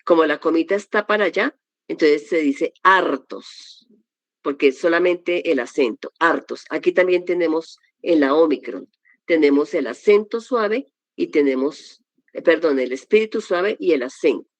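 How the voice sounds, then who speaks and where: A woman's voice: low-pitched, moderate pace, dry recording. A woman teaching a Greek vocabulary class, explaining pronunciation step by step with patient examples. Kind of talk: classroom lesson.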